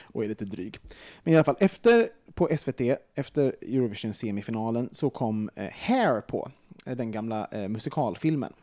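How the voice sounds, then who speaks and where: A young man hosting a casual podcast chat, talking in an animated way with many fillers and some swearing when worked up. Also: medium pitch. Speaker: podcast host.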